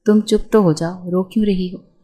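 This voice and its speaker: A woman's voice: on the low side, steady tone, dark tone, lightly acted. A woman reading as a soothing mother-in-law.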